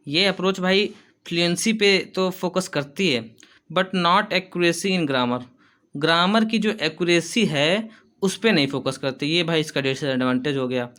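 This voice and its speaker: A male teacher giving an exam-prep lesson, reading English lines slowly and then explaining them in quick, casual Hindi. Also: fairly high pitch, fairly bright tone.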